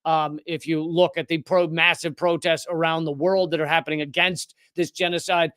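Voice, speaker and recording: Impassioned, sarcastic male commentator with a smooth voice. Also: on the high side, level tone, normal speed, a bit bright, no room sound, clean studio sound. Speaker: host. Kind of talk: political commentary monologue.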